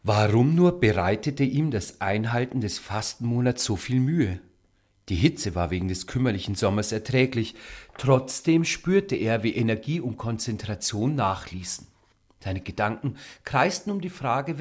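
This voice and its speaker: A man reading a prose excerpt aloud in an expressive literary style. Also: mid-range voice, normal speed. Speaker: reader of a novel excerpt.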